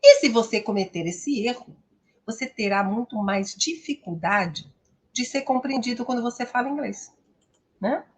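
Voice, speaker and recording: A woman from Brazil teaching English pronunciation in an online lesson, slow and explanatory, often adding a questioning "né?". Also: on the high side, lively intonation, breathy edge.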